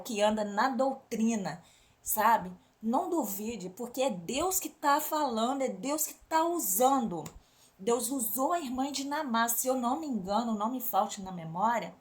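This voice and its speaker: A woman with a Brazilian accent telling a religious testimony to a congregation, often turning to the listeners as brothers and sisters. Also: medium pitch. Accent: Brazilian Portuguese. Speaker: church member giving a testimony.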